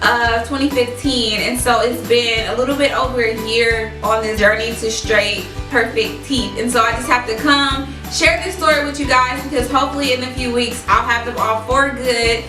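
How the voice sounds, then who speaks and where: A young woman telling a personal story in a casual, chatty, emphatic and expressive way, as a vlogger talking to her viewers. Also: a little high. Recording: echoey room, distant mic, music.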